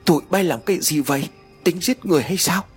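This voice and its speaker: Haughty old-style exorcist master giving orders, husky voice, as a man reads him. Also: medium pitch, very animated, fairly quick, faint music behind. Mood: alarmed. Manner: commanding, boastful. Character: stern arrogant male exorcist master, middle-aged.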